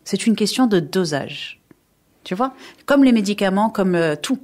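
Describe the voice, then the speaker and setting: A middle-aged woman, a guest on a radio interview, talking in a lively way and acting out inner voices. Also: a little slow. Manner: lively, acts out inner voices with jumps in pitch. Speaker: guest, reflexologist and naturopath.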